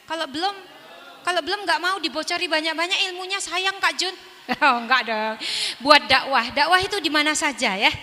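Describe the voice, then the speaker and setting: A woman teaching a ventriloquism workshop, in a lively, chatty way, demonstrating as she goes. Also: high-pitched, moderate pace, long reverb tail, slight background noise. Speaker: ventriloquism instructor.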